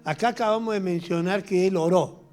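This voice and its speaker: Animated middle-aged Argentine pastor preaching. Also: male voice, sits high, a little fast. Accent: Argentine Spanish. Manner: animated and humorous, acting out little scenes. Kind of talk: sermon.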